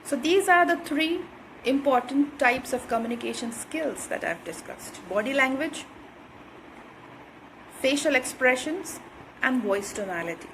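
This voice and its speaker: A woman teaches communication skills in a high, clear register. She hammers home each point and keeps checking in with her listeners. A faint hum of ambience sits behind her voice. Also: lively intonation, a little slow, fairly bright tone, low-quality recording. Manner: didactic, repeats points with "right?" and "okay". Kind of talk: instructional talk to camera.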